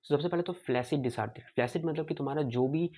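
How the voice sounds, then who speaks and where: A man's voice: on the high side, a little fast, dark tone. A young man teaching medicine in a casual lecture, switching between Hindi and English and sounding out speech patterns himself. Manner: informal, mixes Hindi and English, demonstrates speech patterns aloud; frequent throat clearing. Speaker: medical tutor.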